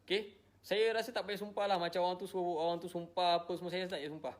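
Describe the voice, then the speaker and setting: This Malaysian social media personality, an adult married with a child, speaks straight to camera in an emotional statement, weary and defensive. His voice sits high with fairly even intonation, he talks quickly, and he keeps repeating himself.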